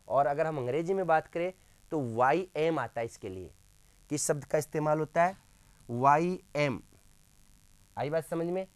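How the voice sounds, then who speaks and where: Man teaching a grammar class, crisp voice. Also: on the high side, dry recording. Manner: quizzes students with repeated questions; repeats sounds slowly and drawn out.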